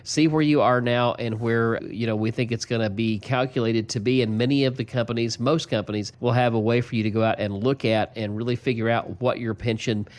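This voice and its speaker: A man's voice: mid-range voice, fairly even intonation, fairly quick, hardly any pauses. Male financial advisor, folksy explainer who chuckles between points. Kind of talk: casual explanatory radio talk.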